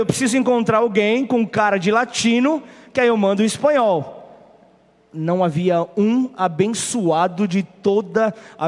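A man's voice: high voice, big-room sound. A man with a Brazilian Portuguese accent, a pastor telling a funny story in a sermon. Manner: humorous animated storytelling.

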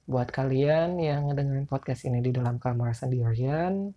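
Male podcast host, Jakarta accent, dark mellow tone, can't roll his r's, loose and informal. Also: mid-range voice, moderate pace. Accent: Jakarta Indonesian. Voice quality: speech impediment on r, cannot roll his r's. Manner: informal, rambling, self-deprecating. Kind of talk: casual solo podcast chat.

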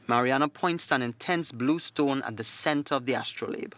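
A man reading a scripted story in a steady, descriptive narrating manner. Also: mid-range voice, a little fast, no room sound.

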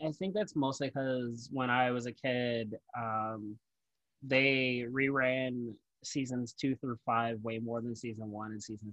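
Podcast host, man, medium-pitched, casual and self-deprecating, very dry recording. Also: a bit bright, no echo, low-quality recording. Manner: informal, self-deprecating, swearing. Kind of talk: casual chat.

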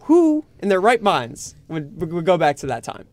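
Male panelist, higher pitch, argumentative, casual debate full of rhetorical questions. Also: huge pitch swings, normal speed. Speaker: podcast panelist.

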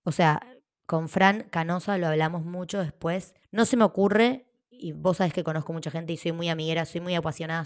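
A woman's voice: lowish voice, no room sound, clean studio sound. Argentine woman telling a frank story. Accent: Argentine Spanish. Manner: animated, frank, swears casually. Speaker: podcast co-host. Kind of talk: casual storytelling chat.

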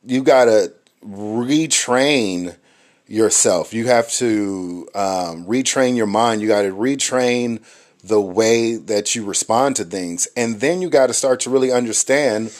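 A man with a lowish voice reflecting on marriage in a relaxed podcast chat. He speaks haltingly, with many ums and self-corrections as he works through his thoughts. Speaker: married co-host. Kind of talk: reflective casual talk.

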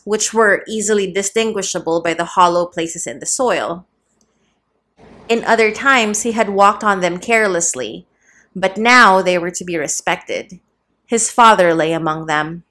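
A woman narrating a classic novel aloud in a steady, measured way. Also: medium pitch. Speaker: audiobook narrator. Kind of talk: scripted narration.

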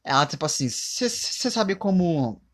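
A woman's voice: on the low side, sing-song, a little slow. A woman, ranting dramatically and in exasperation in a comedic phone-call sketch.

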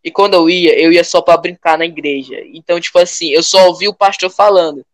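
A young man with a Brazilian Portuguese accent, chatting casually in a rambling, animated way full of slang. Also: a little high, brisk, no room sound.

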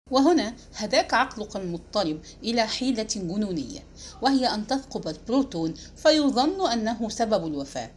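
A woman voicing a calm, cold male police investigator in an audiobook reading, questioning a suspect. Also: medium pitch, natural voice.

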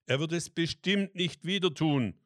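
A man's voice: a little slow, no echo, clean studio sound. A man voicing Martin, a kindly, helpful man, in a raised, eager voice. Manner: raised, bright pitch, calling out.

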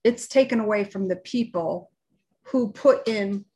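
A woman co-hosting a live podcast, giving unscripted opinions in a halting, deliberate way as she searches for words. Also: mid-range voice, warm tone. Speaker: live show and podcast co-host.

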